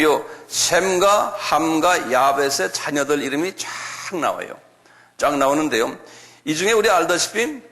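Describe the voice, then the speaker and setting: A middle-aged man teaching a slow, step-by-step classroom Bible lecture, often asking the class to repeat words aloud. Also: fairly high pitch, fairly bright tone. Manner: chuckles, talks directly to students.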